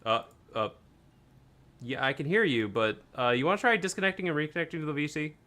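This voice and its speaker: A man's voice: fairly high pitch, brisk, sharp tone. A man casually playing through a video game with a friend, reading narration and chatting. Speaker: game streamer.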